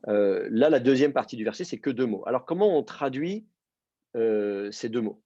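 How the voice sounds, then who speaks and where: Male teacher, patient and methodical, husky timbre, dull dry recording. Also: mid-range voice, expressive, moderate pace, mellow, dry recording. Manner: patient, explains step by step with many fillers. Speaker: Hebrew teacher. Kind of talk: online class explanation.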